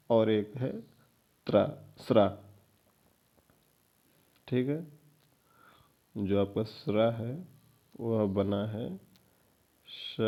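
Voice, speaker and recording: This exam-prep lecture comes from a male teacher whose lowish voice is gravelly and mellow. Working through exam questions, he says each answer word several times over and checks in with a rising "ठीक है" after every point; the recording is dull and lo-fi.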